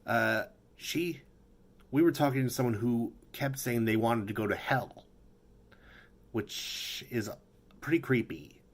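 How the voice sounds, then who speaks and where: A man with a mid-pitched voice speaks casually to viewers as a vlogger. He goes slowly and haltingly, often searching for the next word. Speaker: vlogger introducing a paranormal video.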